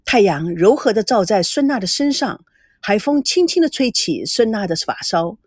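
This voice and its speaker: A woman narrating an audiobook, her pitch moving freely up and down as she tells the story. Her voice sits in a middle pitch range and sounds dry and close, with no room around it. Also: moderate pace, breathy edge, no room sound. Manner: expressive, storytelling.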